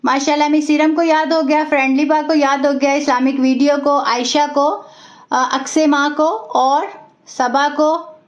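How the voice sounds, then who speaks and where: A woman teaching Quran recitation in an online class, explaining patiently step by step and slowing down to model the sounds. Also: high-pitched, little pitch movement. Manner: greets and praises students by name. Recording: echoey, dull lo-fi room sound.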